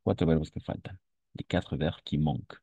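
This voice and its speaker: Male language teacher, very low dark voice, dry lo-fi sound. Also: creaky, breathy edge, no room sound. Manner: slow, patient, repeats phrases and switches to Spanish. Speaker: French teacher. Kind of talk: online French lesson for Spanish speakers.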